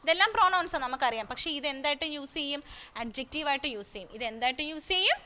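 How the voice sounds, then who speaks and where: A woman teacher with a Kerala accent giving a recorded class to young children, reading English slowly and explaining in quick asides, asking questions and answering them herself. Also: high-pitched, expressive, pushed and bright. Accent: Kerala Indian English. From Kerala, India. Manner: slow careful English, quick Malayalam asides, asks and answers own questions.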